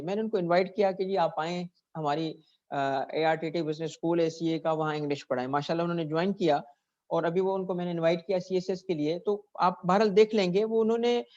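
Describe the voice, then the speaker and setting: A man's voice: high voice, darkish tone. A man giving a classroom lecture, who keeps checking in with his students and asks them questions. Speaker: teacher. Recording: dull lo-fi recording.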